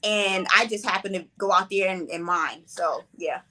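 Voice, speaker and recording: Being interviewed, a forties-aged playwright and director reflects on her answers in a calm, conversational way. Her pitch is medium and she talks at an ordinary speed.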